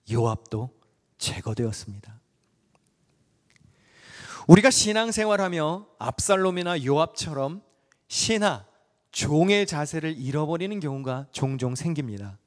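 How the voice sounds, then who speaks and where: A man preaching a sermon in a large church, dramatic and acting out the voices he quotes. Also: fairly high pitch. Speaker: pastor. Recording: echoey hall with faint music.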